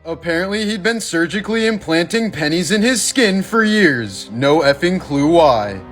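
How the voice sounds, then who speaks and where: A man's voice: sits high, lively intonation, normal speed, fairly bright tone. Man narrating creepy facts over faint music.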